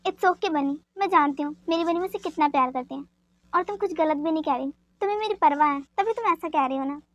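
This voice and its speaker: A woman playing a gentle pregnant young woman. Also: sits high, quick pace, no room sound, lightly acted. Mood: affectionate. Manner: soothing, affectionate.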